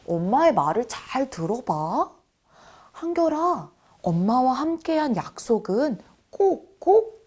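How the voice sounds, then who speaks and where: A woman voicing a gentle mother who coaxingly teaches her young son. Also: fairly high pitch, full character voice. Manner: tender, coaxing, instructive.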